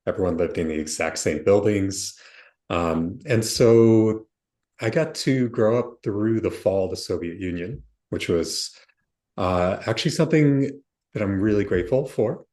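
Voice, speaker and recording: Articulate low-voiced male guest. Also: a little slow, darkish tone. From Ukraine. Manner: articulate, reflective storytelling. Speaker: guest, software founder. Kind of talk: interview answers.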